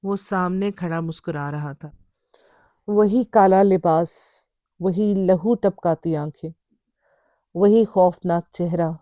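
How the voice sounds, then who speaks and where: Woman reading a scary story, low dark voice, dry close sound. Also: long pauses, no room sound, muffled recording. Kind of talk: scripted horror story narration.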